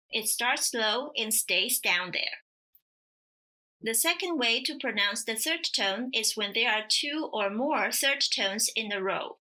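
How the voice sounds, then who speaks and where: A woman teaching pronunciation in a scripted lesson, speaking slowly and carefully as she demonstrates. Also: a little high, bright, forceful tone. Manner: slow, careful, demonstrative delivery. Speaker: language teacher.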